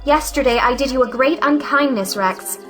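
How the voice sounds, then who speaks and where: In a theatrical audio drama of a 1917 play, a young adult actress voices a defiant, frank young unmarried woman of means, speaking with bitter frankness in a high, bright voice. She is earnest, plaintive, outspoken and articulate at a moderate pace, with music faint behind her.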